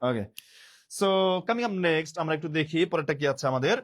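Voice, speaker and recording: A man teaching a live online class, speaking a little high for a man. He repeats key words over and over and reads out viewers' comments as he goes, slipping English words into his talk. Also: animated, normal speed, fairly bright tone.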